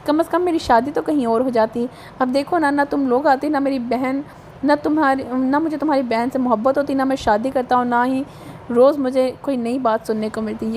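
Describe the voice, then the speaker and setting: A woman with a Pakistani Urdu accent reading a romance novel aloud, voicing every character in a lively way. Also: high-pitched, slight background noise. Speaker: audio novel narrator.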